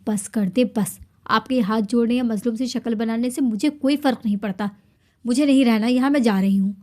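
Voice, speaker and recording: A woman's voice: on the high side, animated, darkish tone, close to an everyday voice. A woman voicing a defiant young wife in an audiobook, speaking sharply and angrily. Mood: shouting. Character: defiant angry young wife, kidnapped by her husband.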